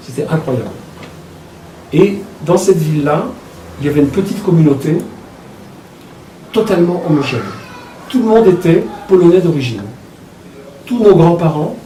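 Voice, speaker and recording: A man in his sixties from Belgium, an author recounting his childhood in a reflective, halting way. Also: fairly high pitch, mellow, slight background noise. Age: 60s. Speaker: author talking about his book. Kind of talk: personal storytelling talk. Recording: echoey room from a distance.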